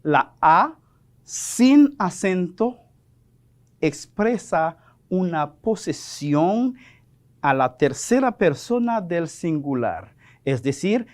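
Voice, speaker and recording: A male teacher giving a televised French lesson, speaking slowly and patiently, spelling words out and repeating them. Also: a little high.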